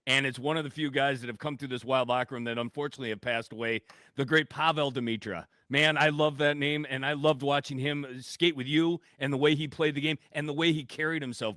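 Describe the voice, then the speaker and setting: A man's voice: mid-range voice, a little fast, sharp tone, no room sound, studio quality. A man hosting a sports radio interview, effusive, upbeat and friendly with his guest. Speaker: radio host.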